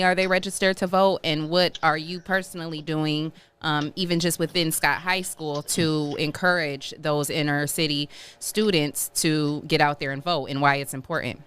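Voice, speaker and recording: A woman co-hosting a radio show, asking questions in a measured way with many pauses. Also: low-pitched, steady tone, fairly bright tone, clean tone. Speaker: co-host. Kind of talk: radio interview talk.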